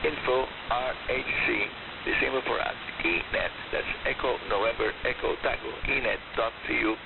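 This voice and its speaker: Speaking at a normal speed in a gravelly, mid-range voice, a man hosts a scripted shortwave radio programme. The reception is narrow-band and hissy, backed by radio static.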